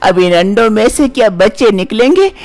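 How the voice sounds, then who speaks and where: A man's voice: high voice, expressive, moderate pace, darkish tone, pitched above the performer's own voice. A man voicing a cranky, dismissive older mother-in-law in a cartoon story, scolding her daughter-in-law.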